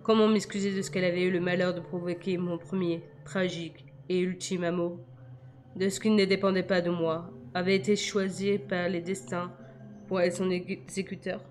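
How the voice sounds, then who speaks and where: A woman reading a novel aloud in a measured, quiet first-person narration. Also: on the low side, flat delivery. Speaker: audiobook reader.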